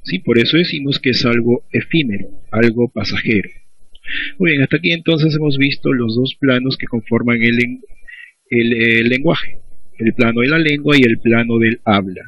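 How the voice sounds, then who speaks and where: A Peruvian man teaches a school lesson in a husky, mid-pitched voice, posing questions and answering them himself. The recording is dull and lo-fi. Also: moderate pace, dry recording. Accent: Peruvian Spanish. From Peru. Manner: explanatory, asks and answers own questions. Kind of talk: recorded class lecture.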